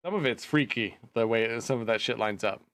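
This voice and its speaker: A man's voice: medium pitch, a little fast, a bit bright, no room sound. A man co-hosting a podcast and stream, talking loosely and hesitantly with many restarts. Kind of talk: casual chat.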